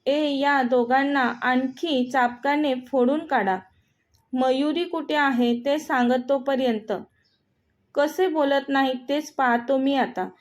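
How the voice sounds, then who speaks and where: A woman's voice: sits high, fairly even intonation, slow pace. A woman reading a story aloud, voicing a cruel, threatening male gang boss in a mocking manner. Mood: menacing.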